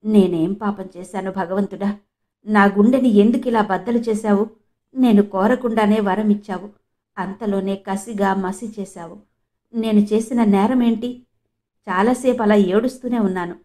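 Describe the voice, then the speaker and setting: A woman's voice: mid-range voice, steady tone, normal speed, mellow. A woman from Andhra Pradesh narrating a novel in the first person with mournful, emotional storytelling. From Andhra Pradesh, India. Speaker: audiobook narrator.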